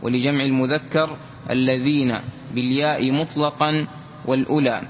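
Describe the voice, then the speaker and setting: A man reads a classical grammar text aloud for the class in a steady, slightly sung cadence. His voice sits at a middle pitch, with a faint hiss behind it. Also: moderate pace, lo-fi sound. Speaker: student reciting the text.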